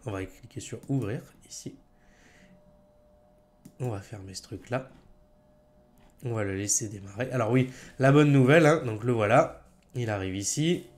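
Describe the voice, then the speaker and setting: French male tech tutor, mid pitch, relaxed chatter full of fillers and little self-corrections. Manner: chatty, many fillers and self-corrections, chuckles at own slips. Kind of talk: casual screen-recorded software tutorial.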